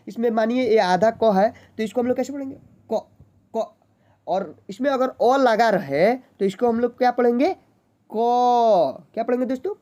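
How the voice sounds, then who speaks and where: A woman teaching basic reading, who quizzes her listeners and repeats each point slowly and patiently. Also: a little high, dark tone. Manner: slow, drawn-out letter sounds. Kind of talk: basic literacy lesson.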